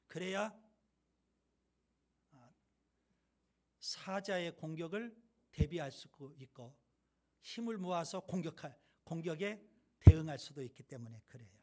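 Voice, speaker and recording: A man's voice: fairly high pitch, expressive, unhurried, long pauses, a little mellow. A male pastor giving a sermon, reading scripture emphatically and telling stories.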